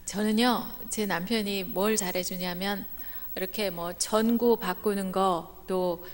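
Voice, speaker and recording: Animated woman preaching in echoing church. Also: medium pitch, slow pace. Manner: animated, acts out quoted voices, laughs at own jokes. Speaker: guest speaker at a church revival meeting. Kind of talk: lively storytelling sermon. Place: church sanctuary. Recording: reverberant church hall.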